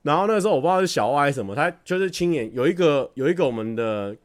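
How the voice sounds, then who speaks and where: Racing through his words in a voice on the high side, a man hosting a livestream tells casual stories to viewers, animatedly acting out scenes and laughing a lot. The sound is dry and studio-clean.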